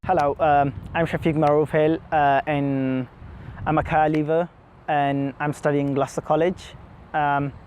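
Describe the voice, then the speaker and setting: A man's voice: a little high, little pitch movement, measured pace, darkish tone, a little hiss or hum, low-quality recording. Hesitant young man from Afghanistan. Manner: hesitant, many fillers. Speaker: student and care leaver. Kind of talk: interview to camera.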